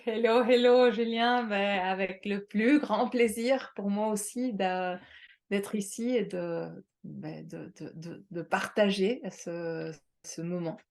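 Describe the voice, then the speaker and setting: A woman's voice: mid-range voice, steady tone, takes it slowly, vocal fry, darkish tone. A middle-aged woman from Mexico, a hypnosis and NLP trainer, talking in an interview with many hesitations and repeated words. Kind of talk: conversational interview.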